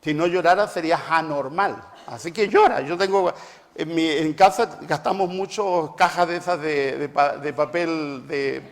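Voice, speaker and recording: Middle-aged guy giving a sermon, high voice, hammers home points by repeating them, long hall echo. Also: unhurried, creaky. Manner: emphatic, repeats phrases for stress. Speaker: preacher and family therapist. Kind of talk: reflective talk with personal anecdotes. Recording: long reverb, large hall sound.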